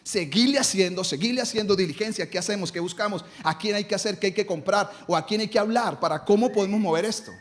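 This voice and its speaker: A man preaches in church with a raised, high-pitched voice. He hammers his points home by asking questions aloud and answering them himself. His delivery is emphatic, the way a pastor talks to his congregation. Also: fast, hardly any pauses. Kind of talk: live sermon.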